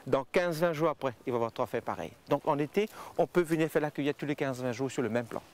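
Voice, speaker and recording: A man guiding visitors through tea fields and a factory, explaining in halting sentences full of fillers. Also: mid-range voice, a little mellow. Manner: halting, with frequent fillers and restarts. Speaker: tea estate guide. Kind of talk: explanatory interview answers.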